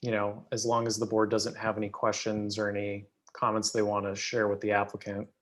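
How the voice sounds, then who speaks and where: A man's voice: on the low side, monotone, brisk, a bit bright. A man speaking as a planning staffer, presenting applications at a public meeting in a matter-of-fact, procedural way. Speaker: city planning staff member.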